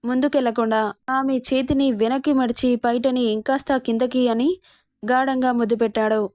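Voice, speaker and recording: A woman storyteller reading a romance aloud in a steady, expressive way. Her voice sits fairly high. The recording is dry and close, with no room sound. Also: fairly quick, no echo.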